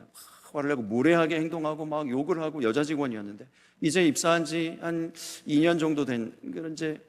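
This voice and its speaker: A middle-aged male pastor giving a Sunday sermon, swinging between loud emphatic peaks and soft, hushed storytelling. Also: medium pitch. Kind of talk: Sunday sermon with acted anecdotes. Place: church sanctuary. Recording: long church hall reverb.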